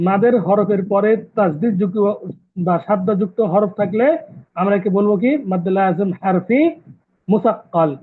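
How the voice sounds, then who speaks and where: A man teaching Quran recitation rules in an online lesson, patiently repeating terms and quizzing his students. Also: high voice. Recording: tinny phone-like call audio.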